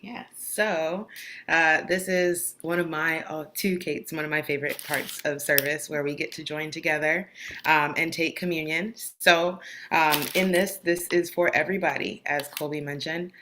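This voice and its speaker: A woman with a low voice leads communion informally. She speaks hesitantly with many "um"s but sounds warm throughout. A faint hiss runs under her voice. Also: steady tone, normal speed. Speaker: communion leader. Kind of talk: casual, informal communion talk.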